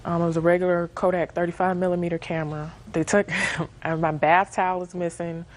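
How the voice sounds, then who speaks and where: A woman's voice: on the low side, flat delivery, fairly quick. A woman in her twenties giving plain, informal testimony as a plaintiff in a TV court. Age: 20s.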